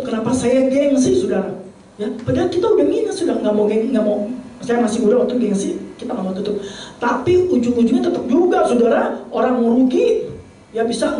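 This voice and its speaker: Woman, middle-aged, from Indonesia, sermon, slightly high voice, faint background noise. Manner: lively, addresses congregation often. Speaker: preacher. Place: church hall. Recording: echoey room, distant mic, faint noise.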